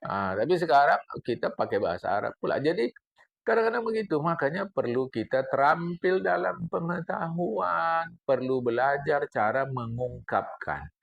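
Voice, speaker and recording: An older man, a religious teacher giving an animated sermon to his congregation, reciting Arabic passages and explaining them. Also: a little high, moderate pace, creaky, muffled recording. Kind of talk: mosque study-circle sermon.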